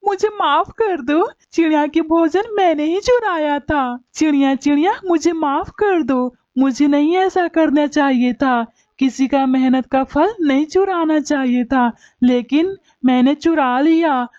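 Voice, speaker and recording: A woman's voice: high voice, measured pace, hardly any pauses, a little mellow, dry recording. A woman voicing a lazy, thieving male bird in a cartoon, a grumbling husband with a whiny manner. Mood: pleading. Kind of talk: cartoon voice acting. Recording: dull lo-fi recording.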